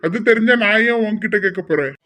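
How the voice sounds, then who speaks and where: A nosy young man, as a man acts him out, calling after people and pressing for answers. His voice is high and bright, pushed up as he shouts. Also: fast. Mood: pestering. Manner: calling out loudly, pestering questions. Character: young man, curious and pestering. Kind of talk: amateur audio drama acting.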